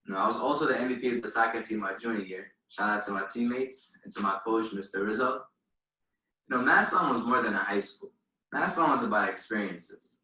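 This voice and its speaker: Young valedictorian from Palestine, echoey. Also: male voice, lowish voice, a little fast, bright, forceful tone, recorded from a distance. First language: Arabic. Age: young adult. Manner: formal, earnest address. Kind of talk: commencement speech.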